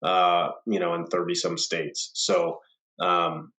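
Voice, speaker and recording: A man's voice: low voice, little pitch movement, slow pace, sharp tone, roomy sound, low-quality recording. A man with a stuffed-up, nasal voice, recovering from a cold, presenting on a video-call webinar. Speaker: senior vice president of government affairs.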